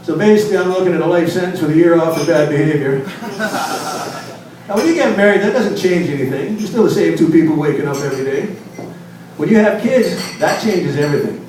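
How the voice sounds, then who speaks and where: An older man performing a stand-up comedy set in a club, gruff and self-mocking, swearing through his punchlines. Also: a little high, brisk, distant mic, background noise. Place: comedy club with live audience. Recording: echoey club recorded from afar.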